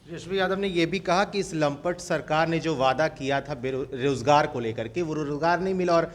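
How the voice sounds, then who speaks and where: A man hosting a news interview, measured and prompting his guest with questions. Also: fairly high pitch. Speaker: news anchor.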